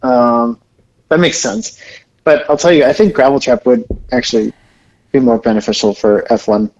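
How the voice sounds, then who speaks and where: A man's voice: mid-range voice, moderate pace, darkish tone, muffled recording. A man co-hosting a casual motorsport podcast, easygoing and full of questions. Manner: easygoing, asks lots of questions. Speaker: podcast co-host.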